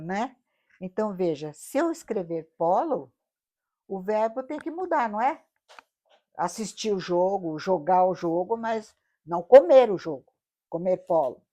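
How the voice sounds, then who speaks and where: A middle-aged woman with a Brazilian Portuguese accent teaches a Bible study in a fairly low, mellow voice. She explains patiently and often puts rhetorical questions to her listeners.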